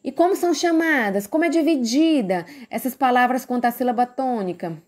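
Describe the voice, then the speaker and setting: Brazilian lady teacher, kinda high voice, drags out syllables n keeps asking the class stuff. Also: lively intonation, brisk, darkish tone. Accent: Brazilian Portuguese. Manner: patient, stretches out words and syllables, asks the class questions. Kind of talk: recorded online grammar lesson.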